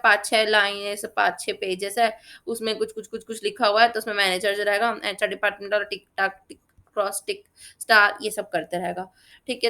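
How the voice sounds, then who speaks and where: Fairly high in pitch and fairly bright, this exam-prep tutor's voice carries a loose, talkative lesson. She illustrates points with everyday examples and frequently asks "theek hai?" to see whether her students are with her.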